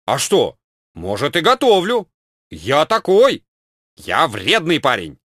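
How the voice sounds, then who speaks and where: A man's voice: wildly swooping pitch, slow pace, fairly bright tone, no echo, clean studio sound, full character voice. A man voicing a cowardly, boastful male asylum patient with a sulky, whining manner, in a comic audiobook. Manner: whining, sulky, high-pitched wails.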